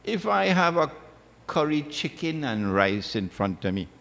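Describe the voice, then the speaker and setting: A man's voice: a little high, sing-song, unhurried, vocal fry, fairly bright tone. Emphatic man lecturing in a hall. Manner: emphatic, repeats phrases, recites Arabic verses. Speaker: Islamic lecturer. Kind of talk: religious lecture. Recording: long hall reverb.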